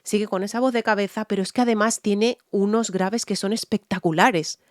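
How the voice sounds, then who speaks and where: Loud music plays behind this Spanish woman as she briskly analyzes a singer's voice in a reaction video, speaking candidly as a vocal coach. Her medium-pitched, steady delivery often pauses for a "¿vale?" to check in with her audience.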